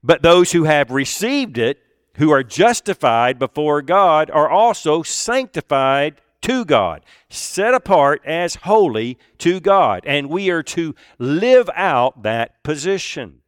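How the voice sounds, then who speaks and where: A man delivers a sermon in an earnest, deliberate way. His unhurried delivery leans on pauses and repeated words for emphasis. His fairly high voice swings widely in pitch and sounds dry and close, with no room echo. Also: sing-song, smooth. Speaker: pastor.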